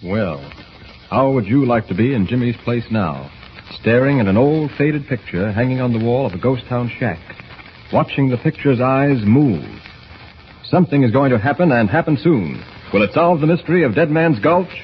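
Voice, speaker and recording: A man's voice: mid-range voice, expressive, moderate pace. A man narrating an old radio show serial in a suspenseful, theatrical 1940s style, heard on a dull vintage transcription with faint hiss. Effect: old radio show broadcast.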